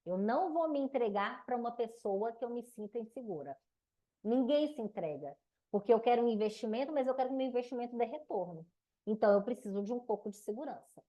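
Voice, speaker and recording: A woman's voice: fairly high pitch, animated, fairly quick, mellow. A Brazilian woman teaching a relationship mentoring class, didactic and conversational, asking questions and answering them herself. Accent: Brazilian Portuguese. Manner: didactic, asks and answers her own questions.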